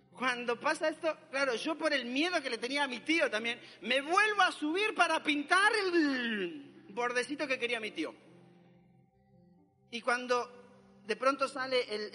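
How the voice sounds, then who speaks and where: A man's voice: extremely high pitch, bright, forceful tone, in a large hall. A young man, animatedly telling a dramatic personal testimony. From Argentina.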